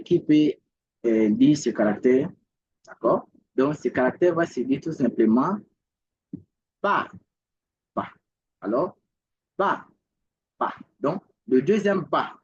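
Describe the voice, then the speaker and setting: Slow, husky man teaching Mandarin. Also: medium pitch, highs cut off. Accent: Ivorian French. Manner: repeats each word slowly, asks checking questions. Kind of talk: language lesson.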